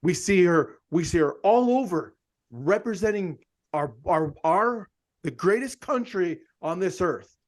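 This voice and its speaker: A man's voice: high voice, expressive, measured pace. A man hosting an interview, talking emphatically and turning to address his audience directly. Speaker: podcast host. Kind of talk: enthusiastic interview commentary.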